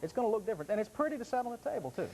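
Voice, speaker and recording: A man's voice: high-pitched, sing-song, racing, warm tone, a little hiss or hum, poor audio. A man demonstrating products on a home shopping show, selling in a folksy, joking patter. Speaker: guest product vendor and demonstrator. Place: TV studio demonstration set.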